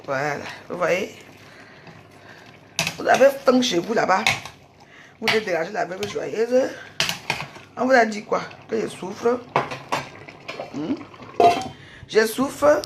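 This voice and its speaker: A woman's voice: mid-range voice, lively intonation, slow pace, long pauses, heavy background noise. A woman speaks straight to her audience from her own home. She is heated and mocking, and she piles up rhetorical questions and pointed little tags at the end of her sentences. It is an angry, unscripted rant. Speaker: social media personality ranting on a live video. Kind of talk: angry direct-to-camera rant.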